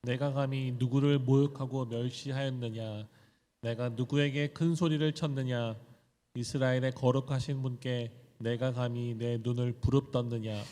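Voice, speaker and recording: A man reading scripture aloud in a church service, his voice mellow and mid-pitched. The steady recitation carries a long church reverb. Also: normal speed. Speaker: scripture reader.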